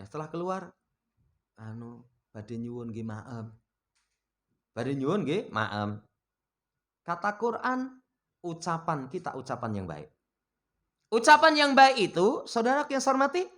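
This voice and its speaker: A man preaching a sermon, swinging between loud exhortation and low, quiet asides, and reciting Arabic passages. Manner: mixes Indonesian, Javanese and Arabic recitation.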